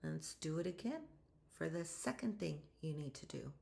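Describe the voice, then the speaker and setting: A woman hosting a solo motivational podcast, talking straight to her listeners in an energetic, emphatic, chatty way. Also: low voice, normal speed, gravelly. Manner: energetic, emphatic, rising to excited outbursts; chatty, addresses listeners directly. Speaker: podcast host.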